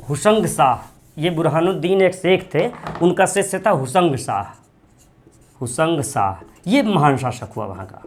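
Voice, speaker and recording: High-voiced man giving a history lecture. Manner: repeats key names slowly for students to note down. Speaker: history teacher. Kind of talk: classroom lecture.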